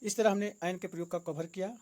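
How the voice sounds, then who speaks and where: A man teaching English grammar for exam preparation, with Hindi-accented English, repeating each rule and example slowly to explain it. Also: high-pitched, fairly even intonation, darkish tone. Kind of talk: exam-prep grammar lesson.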